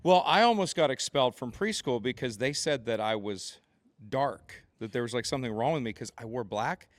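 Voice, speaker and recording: A man's voice: mid-range voice, expressive, brisk, no echo. An American man in his late thirties, a podcast guest, trading playful jokes in casual chat. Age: 30s. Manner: joking, playful banter.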